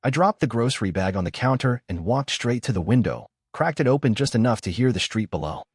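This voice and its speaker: Husky young male storyteller. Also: mid-range voice, lively intonation, fairly quick, no echo, studio quality. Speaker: narrator. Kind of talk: first-person story narration.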